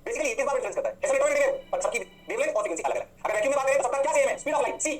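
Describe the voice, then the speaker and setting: A male physics teacher, giving a rapid lecture and answering his own questions the way a student would. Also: extremely high pitch, expressive, music in the background. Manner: drawn-out exclamations. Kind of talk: fast classroom lecture.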